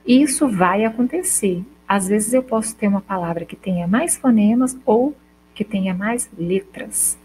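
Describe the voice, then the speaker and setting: Brazilian woman teacher explaining a lesson, sounds words out slow, keeps asking "ok?", faint hum behind her. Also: mid-range voice, expressive, darkish tone, low-quality recording. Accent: Brazilian Portuguese. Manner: explains step by step, checks in with "tá?" and "ok?"; slowly sounds out example words. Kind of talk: recorded school lesson.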